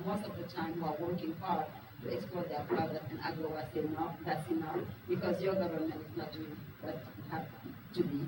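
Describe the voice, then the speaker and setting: Her pitch is fairly low. Presenting at a business talk in a meeting room, this Wolof-speaking woman addresses her live audience frankly and earnestly and asks them questions, while the far-off mic picks up echo and noise.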